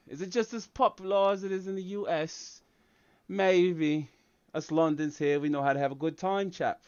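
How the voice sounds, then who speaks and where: An American livestream host doing a hammy mock-London accent, full of mates and chaps. The sound is slightly muffled. The room is dry, with no echo. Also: male voice, medium pitch, smooth, natural voice. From United States. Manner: hammy put-on accent with Brit slang. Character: American man faking a London English accent. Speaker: tech channel host.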